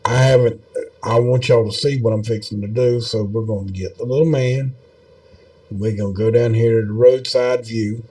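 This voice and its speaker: A man's voice: medium pitch, steady tone, normal speed, mellow. A man giving casual, rambling video commentary in a folksy, meandering way, with many fillers. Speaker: video host.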